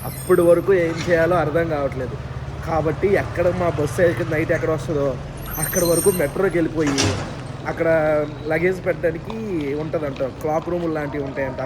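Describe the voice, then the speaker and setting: A man's voice: a little high, steady tone, quick pace. A young man vlogging his trip, chatting casually and teasing his friends, filmed on a handheld phone. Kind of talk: casual travel vlog chat. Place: outdoors and in transit, airport and streets. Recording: noisy street and traffic sound.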